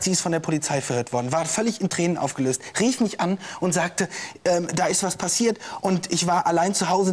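A flustered, hot-tempered witness. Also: male voice, high voice. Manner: hesitant, full of fillers, flares into shouting. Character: jilted young man, defensive, hot-tempered witness. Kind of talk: scripted courtroom TV show.

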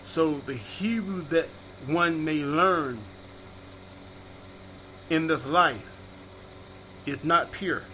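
A man preaching at an unhurried, measured pace, repeating each chapter and verse before reading it. His voice sits a little high for a man. A faint background noise runs under the recording. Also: pushed and bright. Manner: repeats each verse reference slowly and deliberately. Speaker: minister. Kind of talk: slow sermon-style scripture reading.

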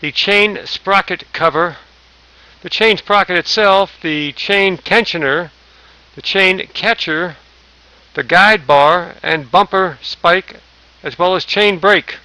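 A man's voice: high-pitched, slow, bright, forceful tone, dry recording, low-quality recording. A man narrating a safety training slideshow, reading lists aloud with small slips and restarts. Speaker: safety instructor.

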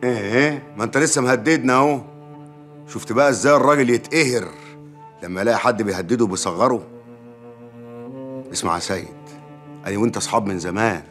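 A man playing a fast-talking sly village mayor. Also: mid-range voice, close to an everyday voice. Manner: calm, veiled threats. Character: scheming village mayor, middle-aged man, sly and self-assured. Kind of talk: TV drama acting.

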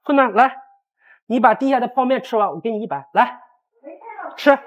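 A man's voice: extremely high pitch, animated, moderate pace. A man acting an arrogant factory supervisor in a short drama skit, taunting and jeering at staff. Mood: domineering. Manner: taunting, jeering, often laughing. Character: arrogant bullying male factory supervisor, mocking.

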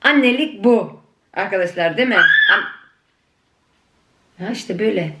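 A woman's voice: medium pitch, lively intonation, a little slow, bright, forceful tone, reverberant, a little hiss or hum. A woman vlogging at home to her viewers, a mother talking in a chatty, affectionate, teasing way. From Turkey. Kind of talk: casual chat to viewers. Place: family home in Germany.

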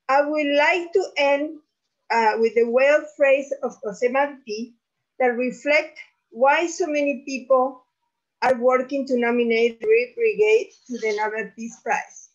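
A woman speaker reading a prepared statement at a conference, going deliberately through lists of names and places. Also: high-pitched, dull audio.

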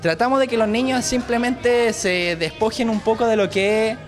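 A man's voice: very high-pitched, steady tone, normal speed. A man who teaches at a theater school, interviewed while searching for his words with frequent fillers. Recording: loud music and crowd chatter behind. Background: music and children's crowd.

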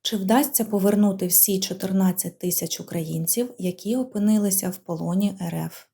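A woman reading out interview questions in a plain, even way. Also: medium pitch, a little fast, vocal fry. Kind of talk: read-out questions.

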